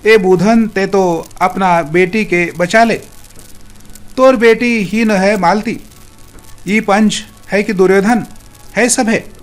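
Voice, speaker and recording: A man's voice: high-pitched, steady tone, slow, soft background music. A man voicing a grief-crazed old village father who cries out and begs in rustic dialect. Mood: desperate.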